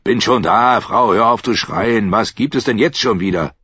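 Male narrator playing a weary, grumbling innkeeper husband in an audiobook; husky, lively delivery. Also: fairly high pitch, unhurried, dry recording, muffled recording, pitched above the performer's own voice, heavily acted.

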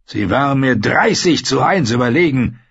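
A man reading an audiobook, voicing a scarred, brutal warrior who talks in a gruff, scornful, growling way. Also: medium pitch, animated, normal speed, fairly bright tone, no echo, muffled recording, pitched above the performer's own voice. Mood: menacing. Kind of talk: audiobook character voice.

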